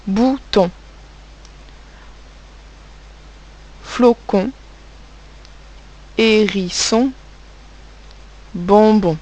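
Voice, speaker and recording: A woman's voice: medium pitch, darkish tone. A woman teaching young children spelling and handwriting, speaking patiently and spelling out letters and sounds, with a French accent.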